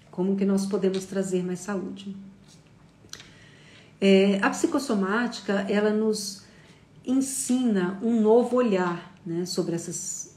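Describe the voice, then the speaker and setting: With a roomy echo around her, a woman lectures live on psychology in a chatty, patient style, her speech dotted with fillers. She's a psychology teacher whose medium-pitched voice sounds slightly mellow.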